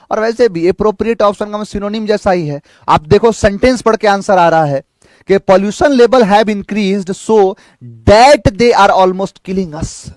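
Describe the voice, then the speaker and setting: A male teacher with an Indian accent explaining exam English questions in Hindi, reading answer options aloud slowly and carefully. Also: fairly high pitch, dry recording, clean studio sound. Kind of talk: exam prep lesson.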